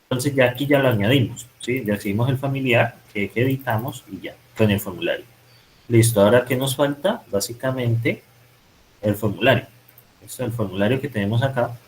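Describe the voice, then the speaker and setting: A man walks through code in a screen-recorded programming lesson, thinking aloud and correcting himself as he goes. His voice sits at an ordinary middle pitch. A faint hiss runs under the recording. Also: a little fast, low-quality recording. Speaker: programming instructor. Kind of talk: live-coding tutorial.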